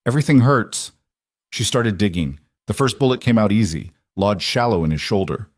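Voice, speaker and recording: Low-voiced male audiobook narrator. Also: expressive, dry recording, clean studio sound. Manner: measured, dramatic storytelling.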